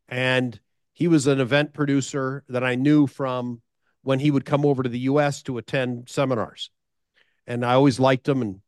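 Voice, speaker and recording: A man's voice: mid-range voice, no room sound, clean studio sound. A middle-aged American man tells a story on a podcast, sharing business advice with listeners and often repeating and restarting his phrases.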